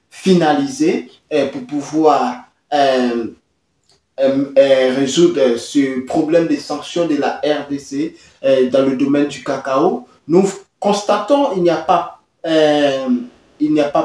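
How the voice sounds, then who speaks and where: A man from Côte d'Ivoire hosts his own channel, talking in a halting way with many drawn-out "euh" fillers. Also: fairly high pitch, warm tone, reverberant, far from the mic. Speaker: host. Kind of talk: hesitant talking-head commentary.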